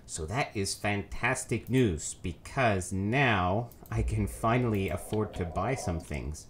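Speaking slowly in a lowish voice, a man with a cold talks nasally over his gameplay. As a let's play host, his commentary is casual and rambling, with plenty of ums and self-corrections.

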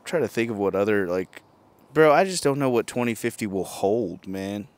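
Holding a handheld mic on a backyard patio, a young man in his thirties hosts a casual comedy podcast, his voice on the low side at normal speed. He's animated and profane and keeps breaking into silly mock singing.

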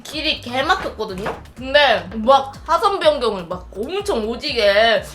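A woman in her twenties chatting casually on a live stream, telling stories in an animated way and acting out other people's voices. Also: on the high side, measured pace. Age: 20s.

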